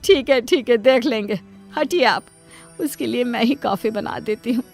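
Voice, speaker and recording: A woman's voice: on the high side, moderate pace, gravelly, darkish tone, soft background music. A woman voicing a doting, long-suffering mother. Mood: tender. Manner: pleading, self-sacrificing.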